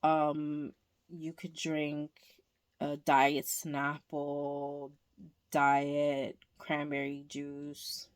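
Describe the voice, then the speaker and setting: A woman talking candidly in a casual home vlog, hesitant and pausing often. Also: low-pitched, monotone, clear, resonant tone. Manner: candid, slow and hesitant with many pauses. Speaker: vlogger. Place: indoors at home, under a blanket.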